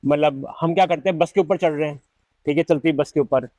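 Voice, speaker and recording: A man in his thirties from India hosting a podcast, telling lively stories in casual chat and switching between Hindi and English. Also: a little high, fairly quick, no room sound. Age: 30s. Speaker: podcast host.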